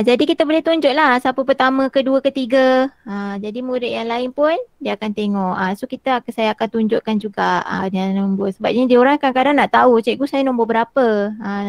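A woman teacher, demonstrating a tool in an online workshop and filling pauses with "ah" over a video call. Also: a little high, dry recording. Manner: chatty, frequent "ah" fillers while walking through screens.

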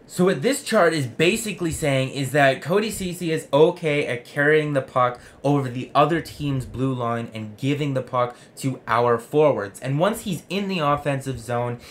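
A young man gives conversational sports commentary, arguing with himself as he explains his point. His voice is mid-pitched and earnest. There is some noise in the room around him. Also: a bit bright. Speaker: sports vlog host. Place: small home room with jerseys on the wall.

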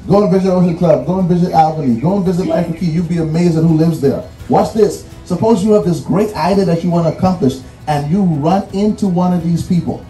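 A high-voiced Bahamian man delivers a graduation address with a preacher's cadence, hammering home numbered points and repeating phrases for weight. His tone is mellow rather than bright, and he sounds set back from the mic in a roomy, echoing space. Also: fairly quick, hardly any pauses. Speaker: commencement speaker. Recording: roomy echo, distant mic, faint music.

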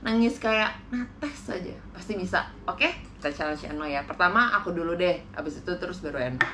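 A woman's voice: lowish voice, lively intonation, a little fast, bright, forceful tone, slight background noise. A woman chatting playfully with her husband and challenging him. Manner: playful, giggly, teasing. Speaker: host's wife, co-host. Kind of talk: casual chat.

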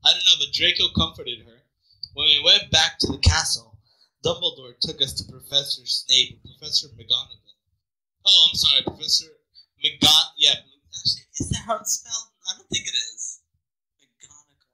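A young man reads a bad fanfic aloud to friends as a dramatic performance, wry and amused, pausing to comment and laugh. His voice is a little high, bright and forceful at a moderate pace, though the audio quality is poor.

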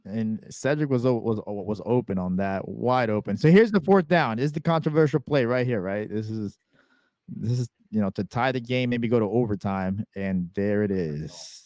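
A man hosting a casual sports podcast, walking through game clips in a relaxed, chatty way. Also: on the low side, moderate pace, no room sound, studio quality. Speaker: podcast host.

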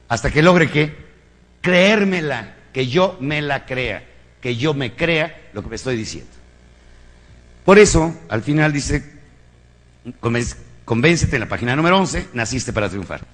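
A man with a Mexican accent lecturing an audience in a motivational talk, his voice sitting a little high for a man. He preaches emphatically, firing off rhetorical questions and crude jokes. The sound rings with the long reverb of a large hall. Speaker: motivational speaker.

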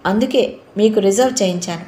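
A woman's voice: medium pitch, a little fast, dark tone, lightly acted. A woman voicing a cheerful, playful young man who mixes English phrases into his talk, in a roomy recording. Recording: roomy echo.

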